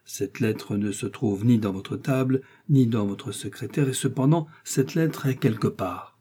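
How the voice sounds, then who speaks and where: A man's voice: medium pitch, measured pace, mellow, husky. A man reading the part of an embarrassed royal chancellor, formal and insistent.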